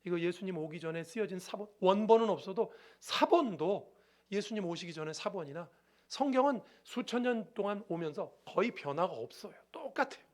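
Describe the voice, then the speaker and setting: A man's voice: sits high, expressive, brisk, darkish tone. A male pastor preaching a sermon emphatically, often asking the congregation rhetorical questions.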